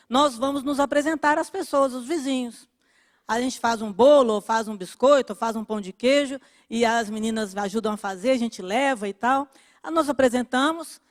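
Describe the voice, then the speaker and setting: A woman pastor preaching a sermon, telling a story and acting out the dialogue in a lively way. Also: on the high side, big-room sound.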